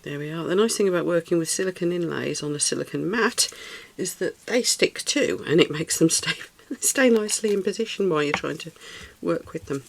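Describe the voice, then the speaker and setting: A British resin craft tutor, slightly snuffly as she recovers from a cold, gives a casual hands-on tutorial. Her medium-pitched voice is brisk with vocal fry and few pauses, and she chats while working, thinking aloud and cooing over the materials against slight background noise.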